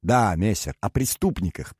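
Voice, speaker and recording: A man's voice: lowish voice, expressive, moderate pace, darkish tone, husky, no echo, clean studio sound. A man voicing an obsequious, scheming servant who deferentially calls his master "messer". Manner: deferential, ingratiating. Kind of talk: audiobook character reading.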